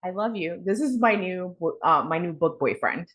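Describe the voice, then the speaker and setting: A woman's voice: lowish voice, animated, normal speed, a bit bright. A woman co-hosting a casual book review podcast, frank and profane, with many fillers. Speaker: podcast co-host.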